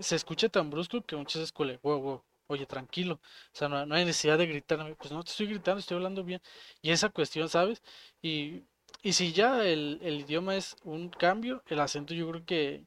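Co-host: Jalisco-accented man, relaxed, explanatory chat, a bit higher pitched. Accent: Mexican, Jalisco. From Jalisco, Mexico. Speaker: podcast co-host. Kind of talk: casual chat.

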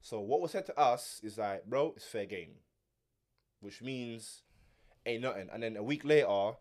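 A young man with a London roadman accent chats casually with friends in a voice that swings widely in pitch. He is insistent and slangy, repeating words and pushing to hold the floor. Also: lively intonation, a little slow, a little mellow. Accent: London roadman, urban slang-heavy. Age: 20s. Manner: insistent, repeats words, talks over others. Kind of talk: casual banter, storytelling among friends.

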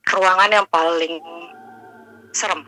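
A woman calling in over the phone, telling a personal ghost story in a halting casual way. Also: fairly low pitch, fairly even intonation, pushed and bright, no echo, low-quality recording. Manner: halting, searching for words. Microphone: phone call.

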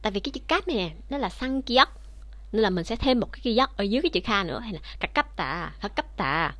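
A woman with a somewhat high voice gives an online language lesson. She explains each rule patiently and speaks straight to her viewers. The recording is dry, with no room echo. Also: lively intonation, racing, a bit bright. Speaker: Korean language teacher.

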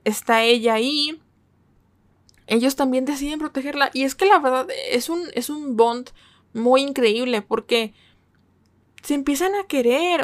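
A chatty woman talks through a series in a relaxed, conversational way. Her voice sits fairly high, and she keeps asking her listeners whether they are following along. The sound is dry and close, with no room echo. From northern Mexico. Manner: chatty, asks listeners for agreement with frequent tag questions. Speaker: K-drama reviewer. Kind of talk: casual review chat.

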